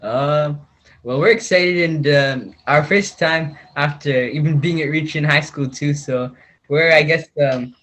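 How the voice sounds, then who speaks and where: A man on a college team answers interview questions in a slightly high voice. He speaks haltingly and stops often to search for words. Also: a bit bright.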